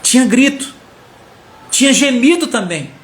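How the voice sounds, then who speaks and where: A man preaching a sermon as a story, animated and acting out the characters' lines. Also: extremely high pitch, a little slow. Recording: echoey room with faint music.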